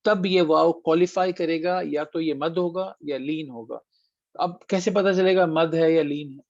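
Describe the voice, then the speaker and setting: Gravelly male tajweed teacher. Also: fairly high pitch, steady tone, a little mellow, dry recording. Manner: patient, explains step by step with demonstrated sounds; mixes English phrases into his teaching. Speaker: Quran recitation teacher. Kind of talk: online tajweed lesson answering students. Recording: dry, dull lo-fi online call audio.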